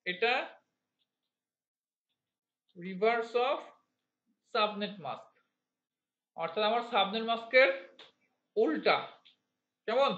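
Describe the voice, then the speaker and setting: A man's voice: high voice, fairly bright tone. A man teaching a networking class. He quizzes his students, asks them to repeat terms aloud and counts digits out one by one. He speaks with a Bangladeshi Bengali accent. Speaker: networking instructor. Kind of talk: classroom lecture. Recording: roomy, slightly dull classroom recording.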